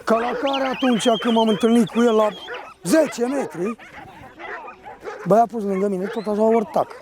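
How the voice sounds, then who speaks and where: A man working as a shepherd, telling a personal story in a rough, rambling, vivid way. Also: very high-pitched, a crowd in the background.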